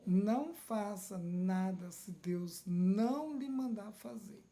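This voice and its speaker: A woman with a warm, mid-range voice delivers a sermon with a Brazilian accent. Her pace is slow and her tone questioning, as she keeps asking "Amém?" and "né?", the Portuguese for "amen?" and "right?", to make sure the listener is with her.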